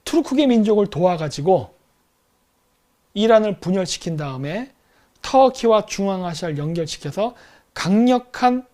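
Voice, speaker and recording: Male commentator, high-pitched, animated casual talk on politics. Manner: animated, acts out countries as quarrelling people.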